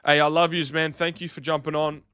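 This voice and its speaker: A man's voice: on the high side, level tone, a little fast, bright, forceful tone, clean tone, dry recording, clean studio sound. A man, chatting casually to livestream viewers in a slangy, matey way. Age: 30s. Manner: laid-back slangy, matey address. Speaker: livestream host.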